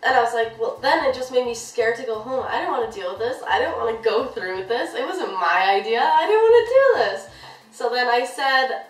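A woman's voice: on the high side, a little fast, a bit bright, distant mic. A young woman vlogger telling a story to her camera in a casual, rambling way, with lots of "like". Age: young adult. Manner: chatty, rambling, heavy use of "like". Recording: echoey room, voice a bit off-mic.

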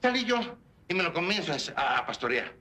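A man's voice: high voice, very animated, brisk, bright, forceful tone, a little hiss or hum, heavily acted. An actor playing a rambling, cheeky small-town man with a Mexican Spanish accent, joking and dropping broken English words in a 1960s film comedy.

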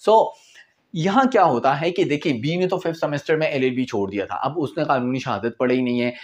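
This twenty-something man speaks at a medium pitch, expressively and a bit fast, with a Pakistani accent. Standing at a whiteboard in a small indoor room, he gives a loose, chatty law lecture, dropping in English terms and performing examples.

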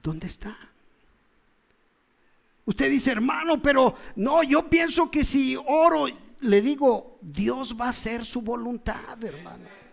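A man with a Mexican accent preaching a sermon in a church, impassioned and calling out to his listeners, swinging between loud and hushed. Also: very high-pitched, animated, takes it slowly, gravelly.

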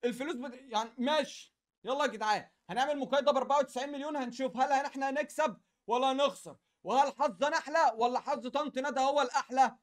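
A young man with an Egyptian Arabic accent doing casual, slangy gaming commentary in an excitable, repetitive way. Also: very high voice, fast talker. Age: young adult. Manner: excitable, slangy, chatty, repeats phrases. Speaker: gaming YouTuber.

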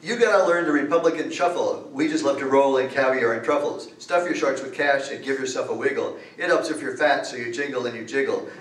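Older man, mocking sing-song rhyming recitation, mid pitch, echoey room, heard from a distance. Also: a little fast, hardly any pauses. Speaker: open mic poet. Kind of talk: rhythmic satirical verse recitation. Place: library meeting room, at a podium. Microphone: podium mic, far camera.

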